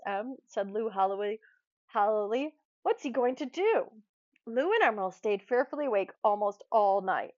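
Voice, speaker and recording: A woman teacher reads a short story aloud and stops to analyze its word choice in a lively, slightly high voice. The recording is close and dry, with a somewhat dull tone. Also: dry recording. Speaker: English teacher.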